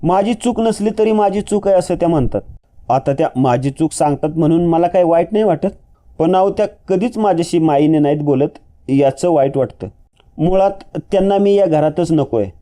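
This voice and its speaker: A man voicing a gentle young daughter-in-law who speaks hesitantly and softly. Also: a little high, normal speed, natural voice. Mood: worried, hesitant. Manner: hesitant, soft-spoken.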